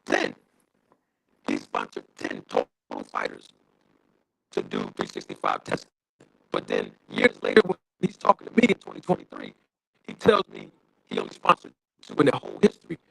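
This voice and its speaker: A man's voice: a bass voice, wildly swooping pitch, normal speed, gravelly, long pauses, a bit bright, husky, dry recording, poor audio. Man's voice breaking up on a bad call. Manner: insistent, building his case point by point. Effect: voice breaking up over a bad call connection. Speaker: boxing show host and guest caller. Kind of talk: heated casual podcast argument.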